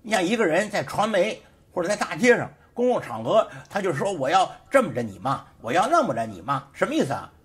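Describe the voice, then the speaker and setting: A man's voice: sits high, sing-song, fast talker, fairly bright tone. A man who hosts a show and teaches sociology, giving an emphatic, repetitive political commentary full of rhetorical questions in a studio. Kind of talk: casual political commentary monologue.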